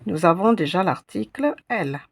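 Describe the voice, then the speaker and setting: Woman, language teacher, slow patient delivery, gravelly husky voice, lowish pitch. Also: expressive. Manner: patient, repeats sounds syllable by syllable. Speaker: Arabic teacher. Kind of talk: slow step-by-step lesson.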